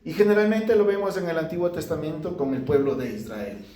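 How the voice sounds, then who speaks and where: A male pastor delivering a lively sermon to his congregation, acting out pleading prayers as he preaches. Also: fairly high pitch, fairly quick. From Ecuador. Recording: echoey church room.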